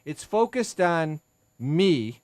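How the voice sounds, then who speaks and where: A man in his sixties, an attorney, hosts a legal talk radio show in a chatty, self-mocking way, often stopping to restart sentences. His voice is on the high side with big pitch swings and a very slow pace, captured on a studio mic in a radio studio with no room sound.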